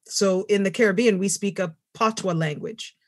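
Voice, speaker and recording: A woman from Canada speaks reflectively on a video call, now and then with a light laugh in her words. The sound is dry, with no room around it. Her pitch sits in the middle. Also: moderate pace, dry recording. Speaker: panel guest writer. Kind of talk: webinar discussion.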